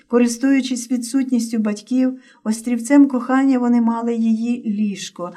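Female story narrator, emotive measured reading, slightly distant mic. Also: a little high, warm tone.

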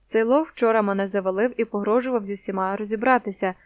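A woman's voice: medium pitch, fairly even intonation, fast talker, no echo, studio quality, lightly acted. A woman voicing a snide, cowardly teenage boy with a sneering, venomous voice, in a storybook reading.

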